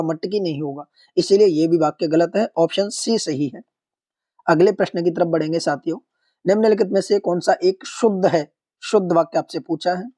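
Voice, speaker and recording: A man giving an online exam-prep lecture, asking the class questions, answering them himself and slowly repeating the correct answer. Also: high voice, warm tone. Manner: explains step by step, asks questions and answers them; slows down to repeat the correct form. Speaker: Hindi exam-prep teacher.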